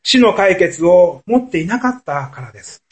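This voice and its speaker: A man's voice: sits high, very animated, normal speed. A man preaching a sermon as a pastor, telling stories in an earnest, storytelling manner.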